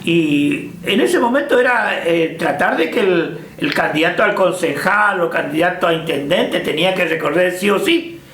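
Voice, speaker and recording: An older man with an Argentine Spanish accent reminisces about the past in a casual, hesitant interview full of fillers and restarts. His voice sits high and is expressive and a bit bright, at a moderate pace, in an echoey room.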